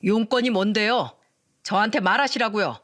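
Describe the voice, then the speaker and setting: A woman's voice: medium pitch, normal speed, a bit bright, natural voice. A woman voicing a firm young husband who sternly defends his wife, in a storytelling reading. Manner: stern, blunt. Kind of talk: storytelling radio drama reading.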